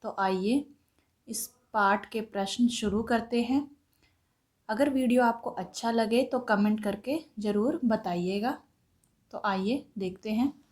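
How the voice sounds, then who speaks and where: A woman teaching a school textbook lesson, reading lines aloud and then explaining each word slowly and deliberately. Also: on the high side, a little mellow.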